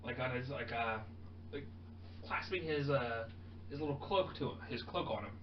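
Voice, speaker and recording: A man running a tabletop role-playing game as game master, narrating in a halting way with many fillers and restarts. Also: mid-range voice, reverberant. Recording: muffled, noisy, distant mic.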